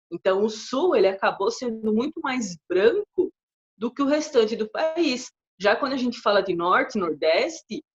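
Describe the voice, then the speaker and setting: A woman in her thirties from southern Brazil, co-hosting a casual chat and telling a story in a chatty, animated way. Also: a little high, breathy edge. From far west of Santa Catarina, Brazil. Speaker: co-host. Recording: dull lo-fi audio.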